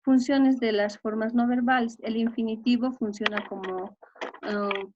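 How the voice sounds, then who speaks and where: A woman teaching a recorded grammar lesson, reciting verb forms in a steady, methodical way. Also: fairly high pitch, a little slow, highs cut off, noisy background. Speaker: language teacher.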